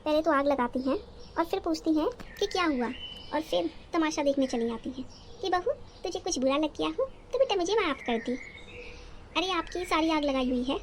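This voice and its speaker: A combative young wife with a sharp tongue and a high voice, who scolds and mocks at every turn, as a woman voices her. She is the resentful daughter-in-law of a cartoon family story. Her delivery is sarcastic and quarrelsome. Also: fairly quick, slight background noise, natural voice. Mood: angry.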